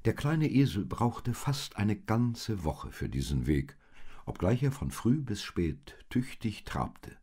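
A man reading a children's story aloud in an expressive, gently paced storytelling manner. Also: on the low side, slow, husky. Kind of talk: storybook narration.

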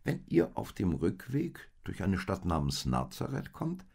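A man's voice: low-pitched, wildly swooping pitch, unhurried, vocal fry, darkish tone, slightly rough, voice pushed up, exaggerated voice. A man reading a story aloud, voicing a loyal, kind little male donkey in an earnest, eager way.

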